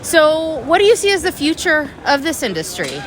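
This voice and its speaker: A woman's voice: high-pitched, very animated, moderate pace, crowd noise. A woman hosting casual on-site interviews at a conference event. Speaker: interviewer, host. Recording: music and event noise behind. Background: music.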